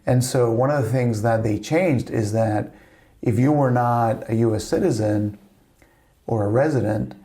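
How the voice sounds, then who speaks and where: On a family podcast, a middle-aged guest from Spain rambles casually through family stories, saying "you know" again and again. His voice is mid-range and warm, a little slow, with a slight Spanish accent.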